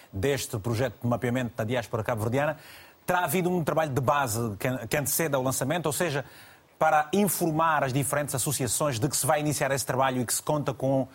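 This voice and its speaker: A man hosting a TV talk show, quickly putting questions to his guests. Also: medium pitch. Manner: brisk, prompting guests with follow-up questions. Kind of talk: TV studio interview.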